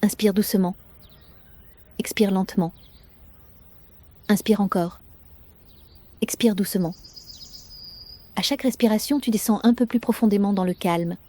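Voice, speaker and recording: A woman narrates a guided bedtime sleep story in a soft, gentle, soothing manner, unhurried and with long pauses. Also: mid-range voice.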